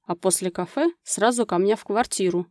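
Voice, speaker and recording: A woman's voice: normal speed, darkish tone, dry recording, clean studio sound, natural voice. Woman reading as a passionate, coaxing man lover. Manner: low breathy whisper, coaxing.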